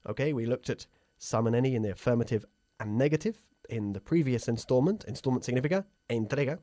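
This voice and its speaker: A man's voice: mid-range voice, a little fast, warm tone, no echo. A man hosting an upbeat bilingual radio English lesson, who laughs often and drills pronunciation in a studio. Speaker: English teacher and host.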